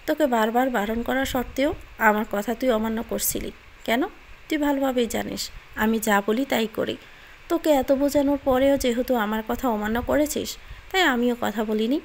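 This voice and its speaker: Audiobook part: woman voicing a curt, stern young lover; scolding, gravelly, slightly high. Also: moderate pace, slight background noise, close to an everyday voice. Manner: scolding, harsh, then quietly solemn.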